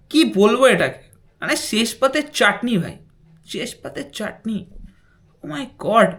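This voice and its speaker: A football reaction vlogger, reacting to a match in an excitable, slangy chat that swings from hushed asides to yelling. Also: mid-range voice.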